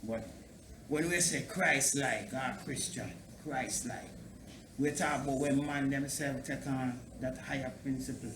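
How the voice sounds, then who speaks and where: A man's voice: medium pitch, a little slow. A man speaking as a Rastafarian priest in an interview, preaching in Rasta speech with patois grammar and emphatic repeated phrases. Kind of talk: preaching-like interview talk on theology. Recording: echoey room, clear background noise.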